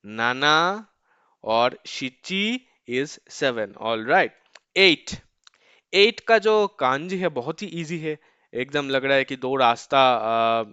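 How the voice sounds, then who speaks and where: Male tutor with a clear, even voice, mid pitch, dry and slightly dull sound; talks casually and drills words slowly. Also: no echo. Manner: repeats "ठीक है" often, slows to drill numbers. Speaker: language teacher. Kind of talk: casual spoken lesson.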